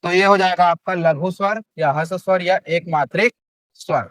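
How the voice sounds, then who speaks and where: A man's voice: high voice, steady tone, moderate pace, fairly bright tone, dry recording, clean studio sound. A young man teaching Hindi grammar in a classroom, with a Chhattisgarhi Hindi accent, who asks the class questions and answers them himself.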